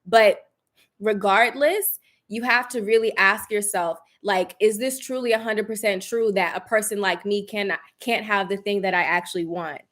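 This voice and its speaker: A woman's voice: medium pitch, moderate pace, a bit bright. A woman speaking casually and emphatically to viewers like a self-help coach, encouraging them and repeating phrases for emphasis. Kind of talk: casual motivational talk to viewers. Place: room at home.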